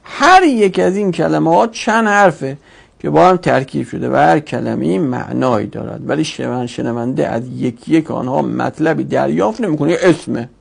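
A teacher giving a grammar lesson, asking questions and answering them, repeating key terms slowly. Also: mid-range voice, lively intonation, creaky, husky.

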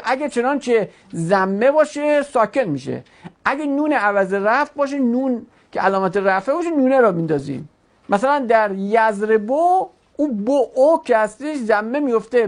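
A woman teaching an Arabic grammar class, patiently explaining step by step with examples. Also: a little high. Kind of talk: online class, explaining verb conjugation.

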